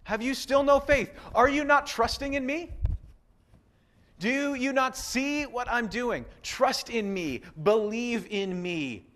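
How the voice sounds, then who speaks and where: A man voicing Jesus as a gentle figure who questions frightened disciples, earnest and pleading. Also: extremely high pitch, slow pace, pitched above the performer's own voice, full character voice.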